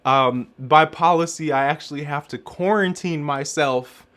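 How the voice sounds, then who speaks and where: Young guy from Chicago, casual vlog storyteller, lively and slangy, acts out the dialogue. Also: a little high, measured pace. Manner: animated slang-filled storytelling, acts out quotes. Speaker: vlogger telling a travel story.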